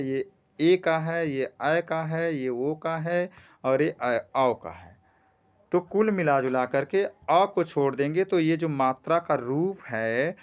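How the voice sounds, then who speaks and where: A man teaching a grammar lesson, explaining step by step, often checking in with "theek hai" and stretching vowels to demonstrate sounds. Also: mid-range voice. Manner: explains slowly with frequent "ठीक है" checks.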